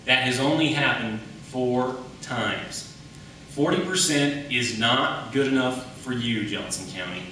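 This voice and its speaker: Speaking as a candidate for county attorney, a man delivers an emphatic debate speech, hammering his points with repetition and rhetorical questions. His voice is medium-pitched with a sharp tone. The recording comes from a distant mic in a large, echoey public debate room, with faint noise.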